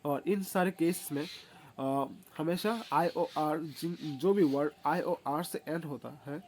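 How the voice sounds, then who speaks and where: A man explaining a grammar lesson in a casual way, pausing often with filler sounds and correcting himself, and reading the rules out slowly. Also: on the high side, a little mellow, a little hiss or hum. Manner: hesitant, many filler sounds and self-corrections; reads English rules slowly and deliberately. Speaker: English teacher.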